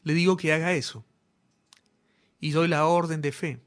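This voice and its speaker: A man with a voice on the high side, a bit bright and steady in tone, delivers a healing sermon at a moderate pace. As a healing evangelist, he speaks straight to viewers with fervent, commanding declarations.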